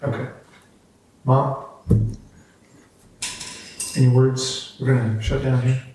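A man's voice: mid-range voice, level tone, slow, a little mellow, far from the mic, slight background noise. A man hosting a casual faith podcast with his family, earnest and encouraging. He sits back from the microphone, and his voice rings around a very echoey room. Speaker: podcast host, father.

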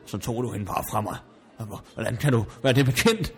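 A man's voice: medium pitch, expressive, a little mellow, husky. A man playing a haughty, snobbish country estate owner in an improvised comedy sketch, indignant and stammering when flustered.

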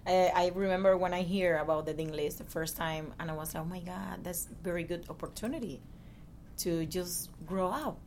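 A woman in her thirties with a Cuban Spanish accent, speaking English as her second language. Her voice sits a little low, and she talks in an earnest, halting way with many restarts. A faint hiss and low rumble sit behind her. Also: a little mellow. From Cuba. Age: 30s. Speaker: guest. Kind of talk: casual interview.

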